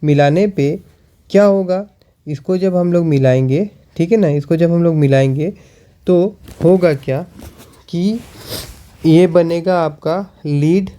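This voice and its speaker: Man teaching slowly, mellow voice. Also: a little high. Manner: repeats questions and answers them, slow while writing. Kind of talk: chemistry lesson.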